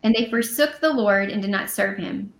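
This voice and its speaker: A woman co-hosting a conversational Bible study podcast. She reads scripture aloud and then unpacks it in a relaxed, chatty way, with fillers and quick self-corrections. Her voice has a gravelly edge, and the room gives it a noticeable echo. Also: mid-range voice. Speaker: podcast co-host. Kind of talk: casual Bible study reading and commentary.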